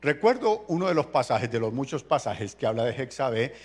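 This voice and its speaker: Lively-voiced preacher. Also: male voice, medium pitch, brisk. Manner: colloquial, jokey storytelling preaching. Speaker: pastor. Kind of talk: sermon.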